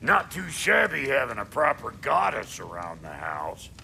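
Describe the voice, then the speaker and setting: An actor voicing a gruff, wisecracking smith in a video game, with a gravelly voice and a folksy, sarcastic, brash manner. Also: male voice, medium pitch, huge pitch swings, measured pace, sharp tone, a little hiss or hum, full character voice. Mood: sardonic. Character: gruff, foul-mouthed, wisecracking male smith. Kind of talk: video game character acting.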